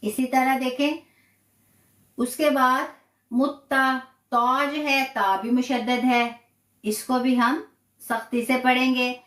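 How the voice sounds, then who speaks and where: Slow talking lady teaching quran reading, repeats everything, roomy echo. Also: high voice, level tone, fairly bright tone. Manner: patient, repeats terms and asks herself questions. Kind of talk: slow step-by-step tajweed lesson. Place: live stream from a room.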